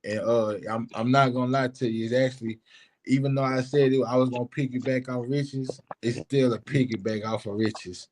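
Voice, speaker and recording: A man's voice: medium pitch, fairly even intonation, moderate pace, a little mellow. Profane, passionate male podcast co-host. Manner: passionate, profane, repeats "man". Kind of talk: casual podcast chat.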